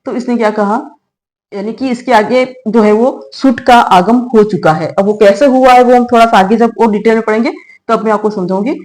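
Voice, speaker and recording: A woman's voice: on the high side, brisk, a little mellow, rough recording. A middle-aged woman teaching a grammar lesson. She explains step by step, asks questions and answers them herself, and checks in often with a short "all right". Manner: explains step by step with rhetorical questions, frequent "theek hai". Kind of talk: classroom lecture.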